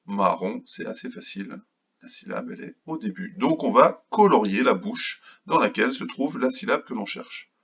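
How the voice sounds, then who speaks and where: A man teaching a phonics lesson to young children, speaking slowly and patiently and sounding out each syllable. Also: fairly low pitch, lively intonation, fairly bright tone, husky, highs cut off. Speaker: kindergarten teacher.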